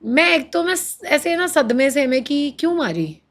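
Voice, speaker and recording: High-pitched woman telling her story. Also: moderate pace. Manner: animated, mixes Hindi and English, quotes others in acted voices. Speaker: guest. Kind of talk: emotional interview storytelling.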